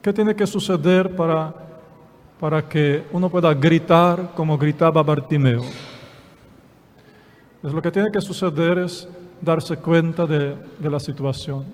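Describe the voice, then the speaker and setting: A man gives a Sunday homily in a church, speaking very slowly, with a voice a little higher than most men's. He repeats phrases and poses rhetorical questions as he preaches. A long reverb trails each phrase. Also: darkish tone. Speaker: priest.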